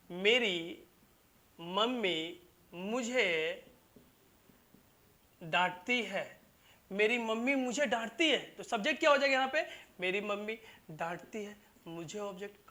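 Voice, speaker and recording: A teacher runs a classroom grammar lesson, and the voice has a bright, sharp edge. The teacher goes over each example more than once and keeps checking that the students are following, calling them "babu" and "bhai". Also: medium pitch, expressive, slow, pauses often. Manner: repetitive, keeps asking "clear?" and calls students "babu" and "bhai". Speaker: English teacher.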